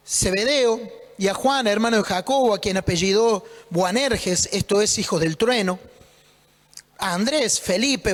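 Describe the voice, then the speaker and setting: A pastor preaches in a loose, conversational way, teasing his congregation and asking himself questions. His voice sits unusually high for a man. It rings with the long reverb of a church hall. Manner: conversational, joking, asks rhetorical questions. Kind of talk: sermon.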